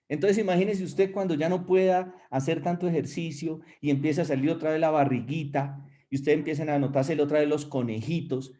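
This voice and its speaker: A male pastor preaching a sermon, his voice set fairly high with a mellow, soft tone. He talks emphatically and directly to the congregation, speeding up and slowing down to stress points. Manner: emphatic preaching with shifting pace; addresses listeners directly.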